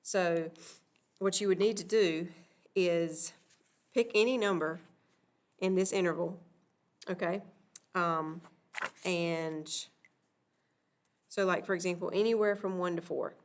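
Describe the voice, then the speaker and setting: A woman's voice: lowish voice, fairly even intonation, takes it slowly, long pauses. A woman teaching a recorded math lesson, patiently walking through examples and checking in with "okay?".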